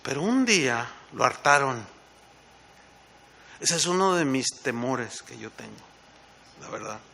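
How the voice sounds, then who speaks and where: Bright-voiced conversational pastor man. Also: medium pitch, very animated, unhurried, gravelly, slight background noise. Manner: conversational, asks the congregation rhetorical questions. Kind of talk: sermon.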